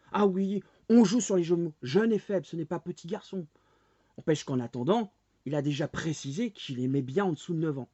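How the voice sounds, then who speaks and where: A man's voice: sits high, mellow, husky, no echo. A man in his forties ranting angrily to camera, hammering his audience with rhetorical questions. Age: 40s. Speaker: vlogger. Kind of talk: angry monologue rant. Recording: dull lo-fi dry recording.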